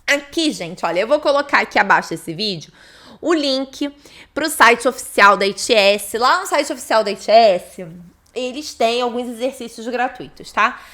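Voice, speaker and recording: A young woman teaching an online test-prep lesson, animated and chatty, often laughing and speaking directly to her viewers. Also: on the high side, moderate pace.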